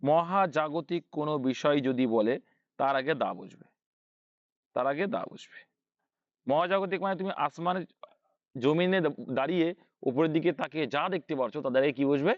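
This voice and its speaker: Bengali teacher quizzing students on articles. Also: male voice, a little high, moderate pace, pauses often, no room sound, muffled recording. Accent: Bangladeshi Bengali. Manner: asks and answers his own questions, repeats key points. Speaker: English teacher. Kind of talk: online English grammar lesson.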